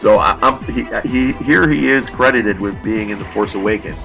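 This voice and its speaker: A lower-pitched man spinning loose, meandering stories on a casual podcast, chuckling at his own punchlines as he goes. Music plays clearly behind his voice. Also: normal speed. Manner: rambling storyteller, laughs at own jokes. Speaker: podcast co-host. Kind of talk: casual chat.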